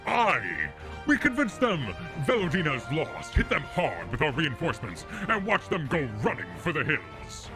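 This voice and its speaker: A man's voice: on the high side, huge pitch swings, a little slow, music in the background, rough recording. A man reading a bold male military leader's lines aloud through a voice changer, in a commanding, theatrical manner. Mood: scheming. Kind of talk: reading game dialogue aloud with friend.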